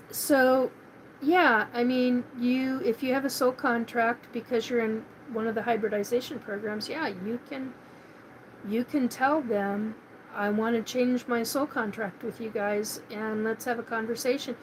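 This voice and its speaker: Slow-talking woman on a live chat. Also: a little high, fairly even intonation, background noise. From Washington State, US. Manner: rambling, many fillers and restarts. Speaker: host of a live paranormal chat show. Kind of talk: casual live-stream monologue.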